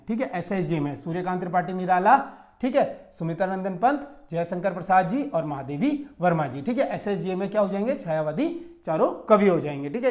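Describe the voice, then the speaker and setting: A man from Uttarakhand with a high, darkish voice teaches an exam-prep lesson in Hindi. He explains things step by step and keeps checking in with his students through frequent "theek hai."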